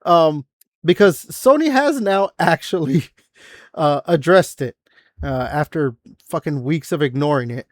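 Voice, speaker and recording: The same sort of casual gaming news chat comes from a man in his forties who rambles, leans on fillers and swears now and then. His fairly high voice is expressive and unhurried, recorded with studio quality and no echo.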